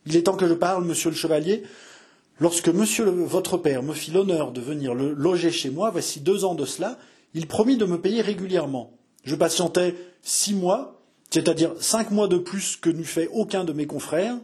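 A man's voice: sits high, big pitch swings, normal speed, a little mellow, pitched above the performer's own voice. A man voicing a fussy, easily flustered middle-aged innkeeper who stammers and protests indignantly.

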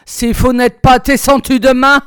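A woman's voice: sits high, level tone, measured pace, a bit bright, clean tone, dry recording, studio quality, voice pushed up. A woman reading a story aloud, voicing a brusque, violent Prussian officer who gives harsh commands.

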